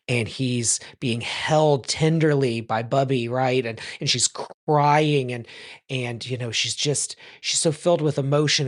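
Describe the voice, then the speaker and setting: A rabbi teaching in a loose, chatty way, full of ums and self-corrections, who tells a joke and then explains it. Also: mid-range voice. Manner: tells jokes and explains them. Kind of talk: casual teaching talk.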